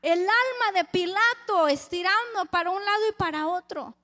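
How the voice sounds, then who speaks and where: Woman preacher, high voice, reads scripture and acts out crowd voices, sermon. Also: moderate pace, sharp tone. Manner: addresses the congregation as brothers, reads scripture aloud.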